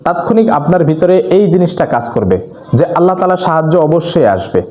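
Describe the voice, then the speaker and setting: Earnest preacher man, mellow voice. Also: a little high, lively intonation, echoey room. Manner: earnest, exhorting, reciting Arabic supplications slowly. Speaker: Islamic preacher. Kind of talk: religious talk.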